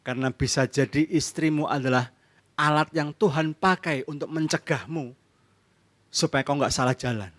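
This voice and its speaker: Speaking at a moderate pace with a fairly high pitch, this Indonesian-accented pastor delivers a church sermon. He mixes in English phrases, plays out couples' quarrels, and answers the questions he puts to his congregation.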